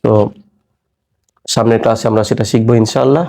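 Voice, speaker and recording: A patient man with a Bangladeshi Bengali accent teaches a recorded reading lesson, sounding out syllables one by one and pausing to check understanding. His voice is mellow and dark, at an ordinary middle pitch. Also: little pitch movement, vocal fry.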